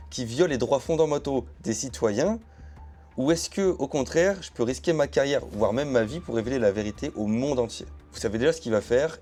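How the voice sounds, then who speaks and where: A man narrating a true story in a relaxed, conversational way, talking straight to his audience and dropping little asides as he goes. His voice is mellow and warm, pitched around the middle for a man. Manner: chatty, addresses viewers directly with asides and hedging phrases. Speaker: YouTube storyteller. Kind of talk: casual explainer narration to camera.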